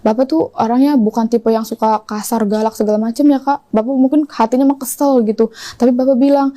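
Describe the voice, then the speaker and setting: A woman's voice: on the high side, fairly even intonation, warm tone. A young woman, retelling a personal story as an interview guest, with lots of quoted dialogue. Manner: rapid, breathless retelling full of quoted dialogue. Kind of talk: confessional storytelling.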